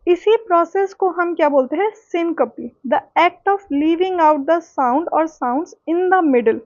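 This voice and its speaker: A woman's voice: high voice, a little mellow, no echo, muffled recording. A woman teaching literary and linguistic terms for an exam, explaining step by step and often checking that listeners follow. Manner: explains step by step, mixing Hindi and English; slow, deliberate delivery with checking asides. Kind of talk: exam-prep lecture.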